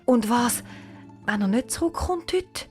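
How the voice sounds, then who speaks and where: A woman with a Swiss German accent voicing a timid, nervous schoolgirl in a storybook who stutters and squeaks. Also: animated, takes it slowly, faint music behind. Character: timid nervous schoolgirl Anisa, about ten.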